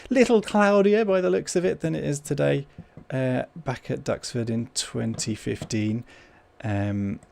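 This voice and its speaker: A man's voice: medium pitch, a little slow, creaky, a little mellow. A man hosting a livestream with casual, hesitant, rambling informal chat. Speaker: livestream host.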